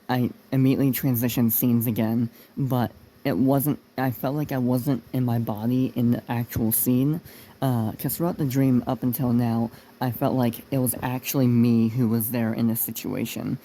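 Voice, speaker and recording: A young man telling a personal story in a casual, unscripted way, halting and rambling as he searches for words. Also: medium pitch, vocal fry, dark tone, a little hiss or hum, rough recording. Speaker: video creator narrating a personal story.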